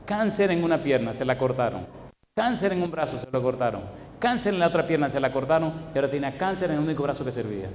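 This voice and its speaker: A man's voice: medium pitch, animated, fast, darkish tone. A male pastor preaching a sermon, telling stories from his own life and pressing the congregation with rhetorical questions. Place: church hall. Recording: echoey hall, faint background noise.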